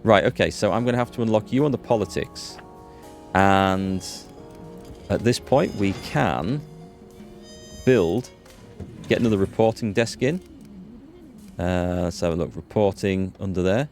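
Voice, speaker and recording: A low, slightly mellow male voice drifts through casual let's play commentary, unhurried and full of long pauses. He hosts the gaming video, explaining things and thinking aloud over background music.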